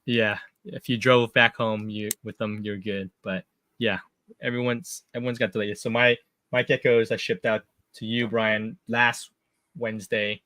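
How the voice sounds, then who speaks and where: A man hosting a live podcast hangout who chats loosely and laughs often. His voice is bright and forward, recorded close and dry with no room sound. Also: lowish voice, a little slow, dry recording. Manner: laughs often, relaxed chatty. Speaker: podcast host. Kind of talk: casual live chat.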